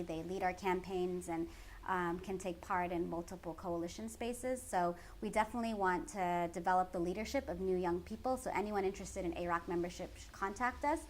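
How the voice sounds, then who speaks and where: Her mid-range voice has a fairly bright tone as this woman from the San Francisco Bay Area, United States, speaks with a Californian American accent. As a community organizer in an interview, she explains her organizing work articulately and earnestly, with clearly noisy background ambience.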